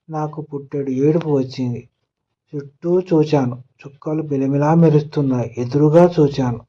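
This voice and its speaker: A man narrating a children's moral story in a gentle storybook manner. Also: fairly high pitch, muffled recording. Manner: gentle storybook telling, voicing characters' lines in turn.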